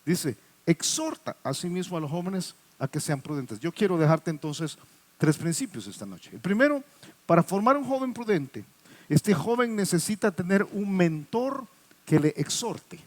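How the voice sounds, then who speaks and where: Man, pastor, high pitched voice, middle-aged, asks the congregation questions. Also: big pitch swings, normal speed, darkish tone. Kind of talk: sermon.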